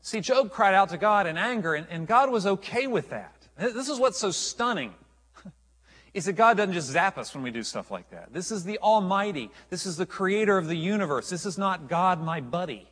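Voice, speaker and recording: A man's voice: sits high, expressive, moderate pace, fairly bright tone, in a large hall. A man preaching a sermon as a pastor, earnest and emphatic, often restarting his phrases.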